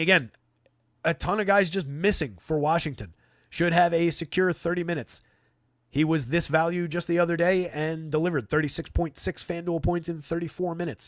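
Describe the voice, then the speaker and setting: This is a man with a fairly high voice, recorded with no room sound. He's hosting a fantasy basketball stream live, talking through unscripted analysis and chat replies in a casual, dry style.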